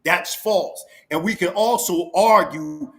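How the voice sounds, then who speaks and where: Bright, high-voiced man lecturing insistently. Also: takes it slowly. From Philadelphia, USA. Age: 40s. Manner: lecturing, insistent, piles up examples. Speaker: debater. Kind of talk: heated debate.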